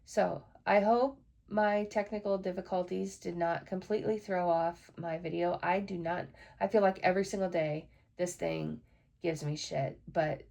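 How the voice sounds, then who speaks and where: A woman's voice: lowish voice, creaky, a little mellow. A woman hosting a casual solo podcast, chatty and frank, swearing now and then when frustrated. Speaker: podcast host.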